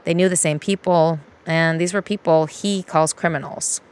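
A woman reporter narrating a scripted investigative documentary in a measured, matter-of-fact way. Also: sits low, steady tone, a little mellow, a little hiss or hum. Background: music.

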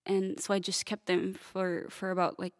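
Teen girl from Italy, interview guest, soft and hesitant, mid pitch, dry close sound. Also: monotone, normal speed, dry recording. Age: teens. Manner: soft-spoken, hesitant, many fillers. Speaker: young pianist guest. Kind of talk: casual interview answers.

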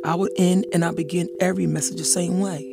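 A woman's voice: fairly low pitch, little pitch movement, fast talker, creaky, loud music behind the voice. A woman who is a school principal from Philadelphia, telling her story in an interview with vivid retelling.

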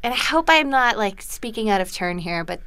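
Chatty woman with a smooth, dry voice. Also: medium pitch, expressive, pushed and bright, no room sound. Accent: American. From born in Los Angeles to Korean parents. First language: Korean. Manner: rambling, self-deprecating, quick to laugh. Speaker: actress guest. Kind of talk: casual interview chat.

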